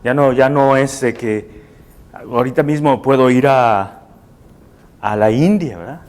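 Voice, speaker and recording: Un hombre con acento mexicano da una clase en vivo ante un público sentado. Explica paso a paso y busca la aprobación de sus oyentes con preguntas cortas como "¿verdad?". Su voz tiene un tono medio, normal para un hombre. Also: male voice, mid-range voice, unhurried, a little mellow. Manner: explanatory, seeks assent with tag questions. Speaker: lecturer. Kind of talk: live classroom lecture. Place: room with a seated audience.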